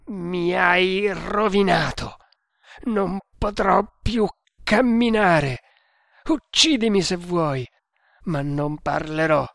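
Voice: mid-range voice, takes it slowly, gravelly, dry recording, studio quality. A reader voicing a tortured male villain, a strangler who roars and mocks his captor in a dramatic audiobook. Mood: defiant. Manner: roaring, mocking, bursts into wild laughter. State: groaning in pain.

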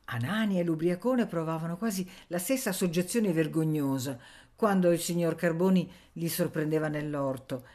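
Low-voiced woman reading a novel. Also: darkish tone. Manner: measured storytelling reading. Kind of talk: scripted narration.

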